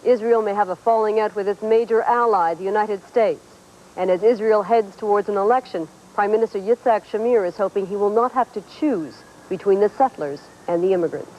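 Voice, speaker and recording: A woman's voice: medium pitch, fairly quick. A woman narrating a scripted news report as a foreign correspondent. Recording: slightly dull broadcast audio.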